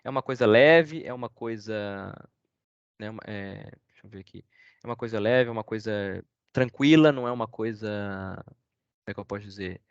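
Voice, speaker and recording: A man's voice: fairly low pitch, a little fast, clear, resonant tone, no echo. Hesitant Brazilian man on a dull call. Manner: hesitant, rambling, many fillers and restarts. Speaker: guest speaker. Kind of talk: casual online talk with Q&A. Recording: dull, dry lo-fi call audio.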